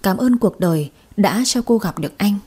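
A woman giving scripted story narration in a soft, dramatic way. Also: medium pitch, expressive, moderate pace, slightly rough.

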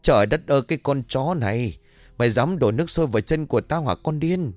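A man's voice: low-pitched, animated, moderate pace, no echo, soft background music. A man voicing a cruel, foul-mouthed woman who screeches insults and wails in a storytelling narration. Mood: screeching.

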